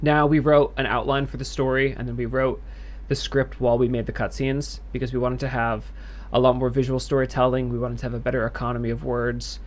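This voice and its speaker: A male game developer answers questions on a livestream. His voice sits at an ordinary middle pitch. He explains things thoughtfully, pausing and restarting as he goes. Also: little pitch movement.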